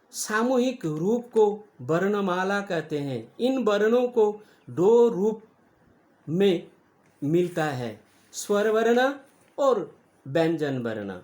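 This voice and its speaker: A teacher giving a slow grammar lesson to children, spelling out letters one at a time and stretching sounds to show their length. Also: medium pitch, a little mellow.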